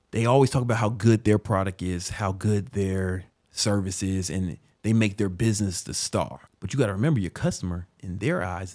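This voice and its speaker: A man in his thirties, hosting a casual talk ranking business books, swearing freely and telling stories with animated, self-mocking laughs. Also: on the low side, no echo, studio quality. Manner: profane, loose and streetwise; animated storyteller who laughs at himself.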